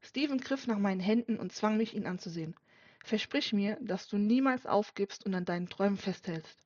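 A woman's voice: medium pitch, brisk, a little mellow, natural voice. A woman reading an audiobook voices a loyal young man who speaks earnestly and defends himself. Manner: earnest, pleading. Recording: dull dry lo-fi recording.

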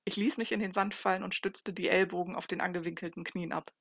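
A woman narrating a first-person novel in a calm, even reading voice. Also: fairly low pitch, fast, gravelly, husky, no room sound, studio quality. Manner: calm, even reading with occasional small slips. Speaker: audiobook narrator.

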